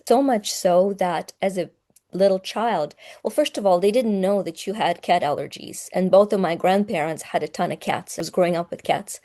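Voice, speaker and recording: A woman's voice: fairly low pitch, mellow. Heartfelt Ukrainian-born woman in her fifties. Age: 50s. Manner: earnest and heartfelt, choking up at times. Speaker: guest. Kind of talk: emotional personal storytelling.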